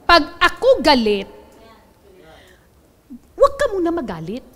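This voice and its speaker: High-voiced woman giving a training talk. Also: takes it slowly. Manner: lively, joking, teasing with the audience. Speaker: training speaker.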